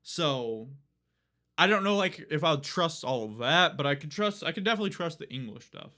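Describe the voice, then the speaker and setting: Rambling young male streamer, lively pitch. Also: normal speed. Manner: rambling, filler-heavy, swears casually. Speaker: livestreamer. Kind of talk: casual live-stream chat.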